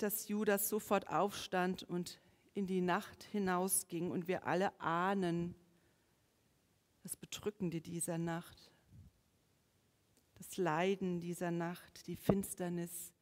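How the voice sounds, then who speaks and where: A woman's voice: on the low side, fairly even intonation, slow pace. Woman preacher, dramatic sermon delivery, long church reverb. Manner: dramatic swings between soaring emphasis and hushed whispers.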